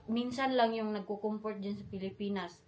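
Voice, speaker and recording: A woman's voice: mid-range voice, steady tone, normal speed, a little mellow. A young Filipina woman, vlogging as she retells an emotional travel story and mixes English phrases into her talk. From Philippines. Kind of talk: storytelling vlog, retelling with quoted voices.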